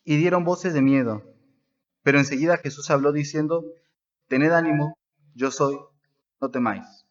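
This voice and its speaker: A male pastor preaches a sermon with a fairly high voice, leaning hard on key words and then letting his voice sink low for emphasis. The recording sounds dull and muffled, like a lo-fi capture of a church service. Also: moderate pace. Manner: emphatic, rising and dropping for stress.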